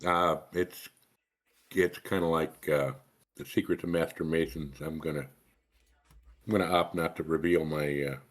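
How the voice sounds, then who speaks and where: A man's voice: very deep voice, steady tone, unhurried, pauses often. A middle-aged man, a guest in a casual chat, giving dry, understated replies.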